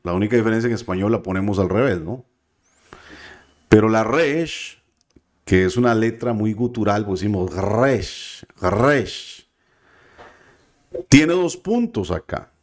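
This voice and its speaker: In a classroom lesson on biblical Hebrew, a patient, careful male teacher frequently checks in with his students. He speaks briskly with lively intonation, in a voice on the low side that is a little mellow.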